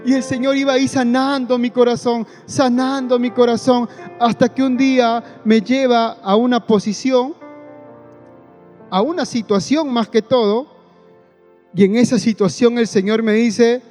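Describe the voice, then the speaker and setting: Guy preaching a sermon, really high mellow voice, earnest, keeps repeating himself, big church reverb. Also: fairly even intonation, a little slow, soft background music. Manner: earnest, repeats phrases, keeps addressing the congregation. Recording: long hall reverb.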